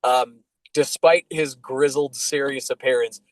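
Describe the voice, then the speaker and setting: A man narrating as dungeon master in a tabletop game, relaxed and loose with many fillers. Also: mid-range voice, measured pace, no room sound, low-quality recording.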